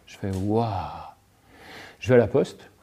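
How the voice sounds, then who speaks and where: A man's voice: mid-range voice, expressive, normal speed, warm tone. A man speaking as an interview guest, an alchemist and author, musing reflectively and using everyday anecdotes to make his points. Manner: reflective, illustrates points with everyday anecdotes, tags phrases with "hein". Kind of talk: reflective philosophical talk.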